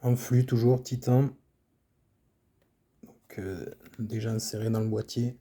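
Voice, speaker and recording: Slow, dark-voiced husky man. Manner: calm, low-key, trailing off at phrase ends. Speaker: card collector showing his cards. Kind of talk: casual unboxing commentary.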